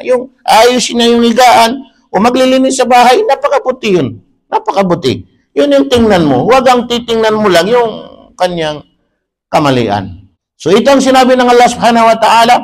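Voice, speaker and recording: A man with a fairly high voice delivers a religious sermon as a preacher. He explains his points patiently and repeats them. He recites Arabic verses at a slow, chanting pace.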